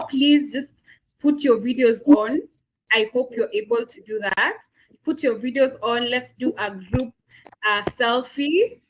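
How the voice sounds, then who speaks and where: Moderating the final remarks of an online masterclass, a Kenyan-accented woman speaks with enthusiasm, dropping in plenty of fillers and repeated words. Her voice sits on the high side and is a bit bright, captured in a low-quality recording.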